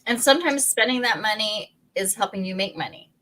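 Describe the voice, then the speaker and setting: A woman's voice: mid-range voice, animated, fairly quick, a bit bright, rough recording. A woman co-hosting a real estate podcast, talking casually in a rambling way with frequent restarts and laughter, with a Pacific Northwest American accent. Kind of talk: casual chat.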